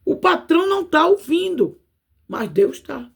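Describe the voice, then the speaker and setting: A woman's voice: high-pitched, big pitch swings, unhurried, vocal fry. A woman with a Brazilian Portuguese accent giving an informal video sermon. She speaks in a folksy way and keeps checking in with tag questions to the listener. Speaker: preacher.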